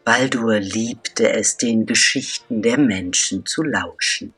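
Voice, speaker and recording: A man telling a children's story as scripted narration, slow and deliberate with dramatic pauses. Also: fairly low pitch, sharp tone, breathy edge.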